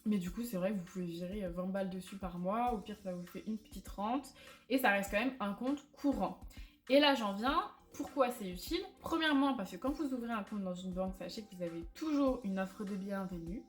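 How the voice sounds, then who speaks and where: A woman's voice: medium pitch, brisk. Chatty French-speaking woman vlogger. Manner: chatty, candid, self-mocking, many fillers. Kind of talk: casual chat to camera. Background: faint background music.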